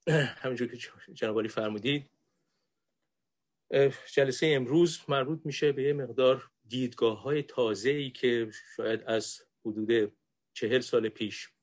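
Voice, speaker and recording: A man in his sixties, a guest lecturer, opening his talk with courteous, formal thanks to his hosts. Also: mid-range voice.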